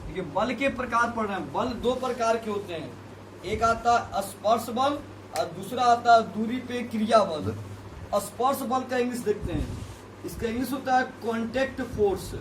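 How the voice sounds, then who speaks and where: High-voiced male physics teacher in echoey classroom. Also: normal speed, background noise. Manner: repeats key terms, asks students questions. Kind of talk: classroom lesson. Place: classroom with students. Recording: echoey room, voice from a distance.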